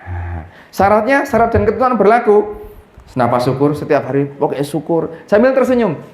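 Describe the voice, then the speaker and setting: A middle-aged man, giving an animated religious talk to a gathering and mixing in words. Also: high voice, moderate pace, echoey room. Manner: animated, mixing in Javanese words, acting out prayers. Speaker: preacher.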